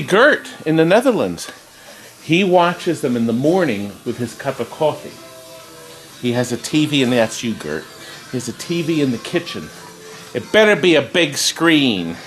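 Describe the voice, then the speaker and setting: A man's voice: mid-range voice, sing-song, moderate pace, faint music behind, rough recording. A man hosting a casual walk-through tour video, chatty and rambling with jokey asides. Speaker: host giving a video tour of his arcade business. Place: indoors in an arcade game warehouse.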